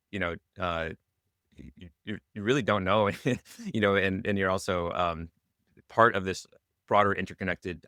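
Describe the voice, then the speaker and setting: A man's voice: low voice, pushed and bright, no echo, studio quality. A man co-hosting a podcast, talking in a hesitant, rambling way with many fillers and restarts. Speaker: podcast co-host. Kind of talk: casual podcast conversation.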